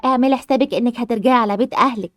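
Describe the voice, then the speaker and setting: An outspoken Egyptian woman doctor, voiced by a woman with a high voice. She speaks quickly and bluntly, openly fed up with her patient's husband. The sound is dry and close. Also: no echo, lightly acted. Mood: frank. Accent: Egyptian Arabic. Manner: frank, exasperated.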